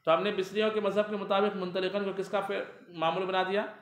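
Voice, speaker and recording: A man teaching a grammar lesson in a classroom. He reads Arabic text aloud slowly and asks his students questions, often answering them himself. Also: high voice, flat delivery, reverberant, crowd noise.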